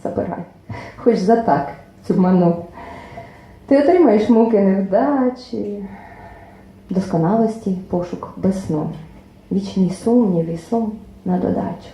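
A woman reads her own poems aloud at a book launch in a club hall, expressive and measured, letting line endings fade into almost a whisper. Her voice is dark and mellow with a gravelly edge. The hall is very echoey, with faint room noise behind her. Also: medium pitch, highs cut off. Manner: expressive recitation, lines trailing off softly, nearly whispered. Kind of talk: poetry reading at a book presentation.

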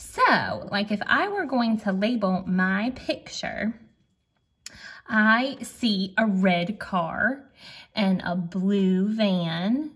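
A woman teacher giving a gentle drawing and phonics lesson for young children, sounding out letters slowly. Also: medium pitch, animated, breathy edge.

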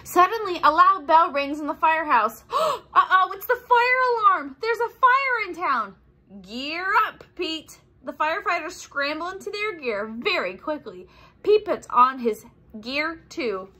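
This young woman's voice is extremely high, and she reads a little slowly from a children's picture book. Animated throughout, she performs the sound effects and exclamations and adds simple explanations.

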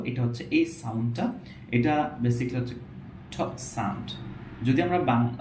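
A man teaching English pronunciation in a casual video lesson, explaining patiently and repeating example words slowly. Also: medium pitch, dark tone. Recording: echoey room, faint background noise.

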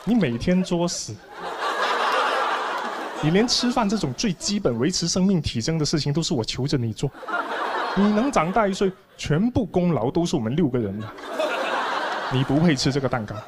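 A thirty-something comedian, his voice leaning high, does stand-up into a handheld mic on a big television studio stage. He spins conversational stories with feigned indignation, and the audience's noise is plainly heard behind his voice.

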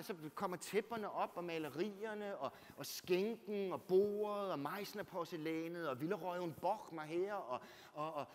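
A man with a fairly high voice tells a personal story to an audience, his delivery animated and rhetorical. He swings from loud emphatic bursts down to hushed near-whispers and keeps asking his listeners "right?". A long church reverb hangs behind his voice. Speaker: author giving a talk.

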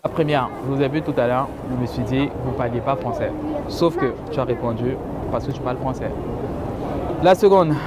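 A man approaching women on a city street, casual, teasing and smooth-talking. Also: medium pitch, fairly quick. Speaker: street pickup coach. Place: busy city street outdoors. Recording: loud street traffic noise.

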